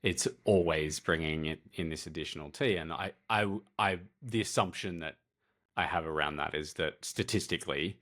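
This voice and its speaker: A man co-hosting a casual podcast, speaking in a measured, reflective way with fillers. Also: very deep voice, a bit bright. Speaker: podcast co-host.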